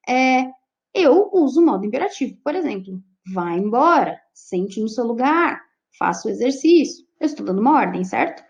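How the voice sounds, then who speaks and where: A Brazilian woman teaches an online lesson, pitched high and moving lively through her explanations. Her tone is mellow and warm, not bright. She keeps checking in with the class, and the recording sounds dull and lo-fi. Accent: Brazilian Portuguese. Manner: explains with frequent check-ins to students. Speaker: Portuguese teacher.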